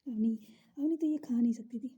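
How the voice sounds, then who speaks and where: A woman narrating a romance story in a soft, half-whispered, breathy voice. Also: a little high, fairly quick, dull audio.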